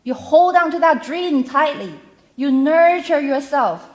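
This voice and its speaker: A high-pitched woman delivers a motivational keynote at a slow, deliberate pace. She breaks her lines into short, emphatic chunks with pauses between them. She speaks at an arts center venue. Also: expressive. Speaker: mental health keynote speaker. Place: arts center venue before a live audience.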